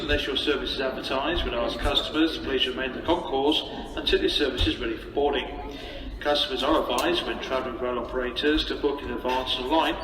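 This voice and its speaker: Echoing man making a station announcement. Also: mid-range voice. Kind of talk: live station public address announcement, airport announcement manner. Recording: echoey station tannoy, distant, noisy concourse.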